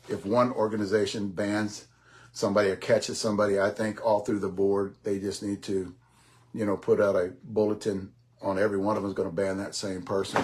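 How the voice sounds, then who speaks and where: Rambling man in his sixties, lowish voice. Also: a little mellow. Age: 60s. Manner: rambling, repeats himself, swears casually. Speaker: podcast host. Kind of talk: casual monologue.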